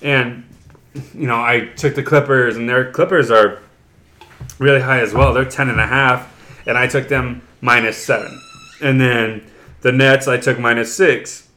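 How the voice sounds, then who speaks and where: A man hosting a casual sports betting podcast, rambling and explaining bets in a relaxed way. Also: medium pitch, measured pace. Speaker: podcast host.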